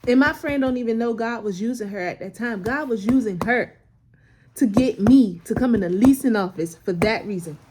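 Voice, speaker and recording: A woman's voice: on the high side, moderate pace, background noise. A woman, sharing a personal faith story in a casual, emotional way, close to tears and repeating phrases for emphasis. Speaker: vlogger sharing a faith testimony.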